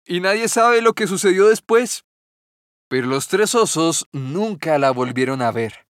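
A man narrating a children's fairy tale in a gentle, measured storytelling manner. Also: high voice, expressive.

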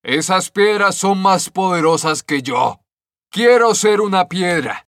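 A man's voice: a little high, unhurried, fairly bright tone, no room sound, studio quality. A man voicing a discontented, poor stonecutter who sighs and yearns for more in a storybook reading. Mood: demanding. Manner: sighing, yearning, then demanding.

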